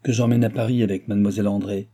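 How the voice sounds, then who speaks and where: A man reading a novel aloud, voicing a young royal princess who is brisk, gracious and commanding. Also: fairly low pitch, fairly even intonation. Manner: brisk, imperious, graciously warm. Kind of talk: audiobook character reading.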